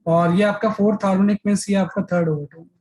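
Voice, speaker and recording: Physics teacher explaining step by step. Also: male voice, sits high, fairly even intonation, fast talker, darkish tone, poor audio. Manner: explains step by step, repeats filler "है ना". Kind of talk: classroom lecture.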